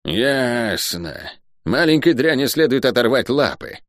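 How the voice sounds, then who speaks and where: A man's voice: mid-range voice, big pitch swings, a little slow, no room sound, studio quality, voice pushed up. A man voicing a scornful, menacing cursed sorceress in an audiobook. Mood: mocking. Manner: mocking, sinister.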